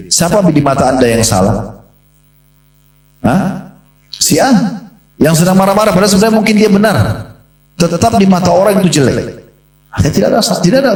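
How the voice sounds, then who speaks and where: A man preaches to a congregation in a mosque, telling a story at a brisk clip and speaking straight to his listeners. His voice rings through a very reverberant hall. He stands some way from the microphone. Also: medium pitch. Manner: lively storytelling, addresses audience directly. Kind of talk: religious lecture to a congregation. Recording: very echoey hall, mic at a distance.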